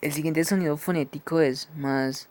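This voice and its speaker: A man teaching English phonetics, who explains each symbol slowly and keeps checking with "¿sí?". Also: fairly high pitch, fairly even intonation, a little mellow. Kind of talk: phonetics lesson.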